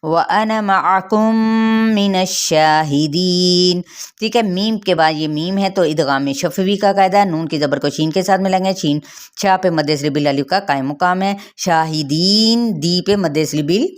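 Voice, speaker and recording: A woman with a Pakistani Urdu accent teaching tajweed, explaining pronunciation rules step by step and reciting verses slowly. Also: lowish voice.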